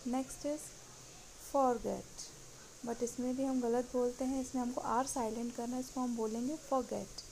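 A woman teaching English pronunciation in a Hindi-language lesson, saying each word slowly and repeating it for practice. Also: high voice, warm tone, a little hiss or hum, poor audio.

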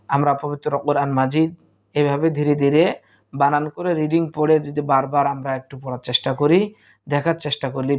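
A man teaching Quran reading, spelling out each letter and vowel mark and then chanting the joined word slowly. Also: a little high. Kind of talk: slow spelling-out recitation lesson.

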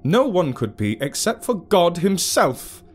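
A man's voice: a little high, very animated, slow, warm tone, faint music behind, voice pushed up, exaggerated voice. A man playing a pleading, agitated priest. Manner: pleading, raised and strained.

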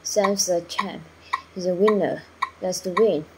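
A woman's voice: fairly low pitch, a little slow, very noisy. A woman working through a pronunciation drill, saying single words and short phrases one at a time in a careful, clipped way.

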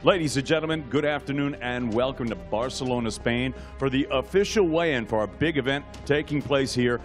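A middle-aged man announcing formally like a lucha libre ring announcer, with emphatic showman introductions and drawn-out names, speaking into a handheld microphone on an indoor stage. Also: mid-range voice, faint music behind. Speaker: ring announcer, master of ceremonies at a boxing weigh-in. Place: indoor weigh-in stage with backdrop.

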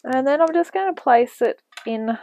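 A woman's voice: high-pitched, animated, normal speed, warm tone, slight background noise, low-quality recording. Chatty woman cooking in her kitchen. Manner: chatty, rambling asides while cooking. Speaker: cooking show host. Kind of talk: casual cooking demonstration. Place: home kitchen, indoors. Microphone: camera mic, off-screen speaker at the bench.

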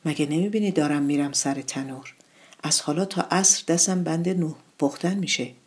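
A woman voicing a busy, protective mother with a husky voice, speaking firmly. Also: sits low. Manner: firm, protective. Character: busy caring mother baking bread, middle-aged.

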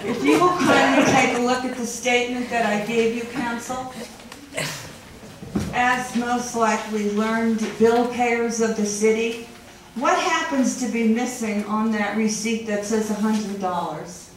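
A woman's voice: fairly high pitch, fairly even intonation, a little slow, background noise. A middle-aged woman at public comment in a council meeting, speaking in a confrontational, accusing way. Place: wood-paneled council chamber. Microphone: room mic at a speaker's podium, from a far camera. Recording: very echoey chamber heard from a distance.

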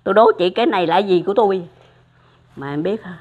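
An older woman tells stories in a lively, chatty way, acting out the dialogue. She speaks in a mid-range voice and calls the listener by fond names. The recording is muffled and lo-fi. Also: medium pitch, fast talker. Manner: animated, acts out dialogue, addresses listener affectionately. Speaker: storyteller of religious experiences. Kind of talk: casual spoken storytelling.

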